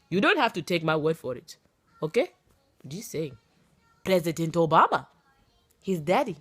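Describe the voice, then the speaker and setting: Husky, dramatic American woman vlogger. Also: lowish voice, no echo. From United States. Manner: playful, dramatic. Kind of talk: casual vlog chat.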